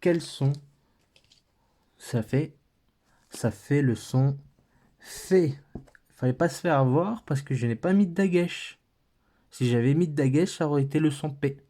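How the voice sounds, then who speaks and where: A man's voice: on the high side, unhurried, pauses often, mellow. A man with a French accent teaching a patient, step-by-step lesson, thinking aloud as he writes.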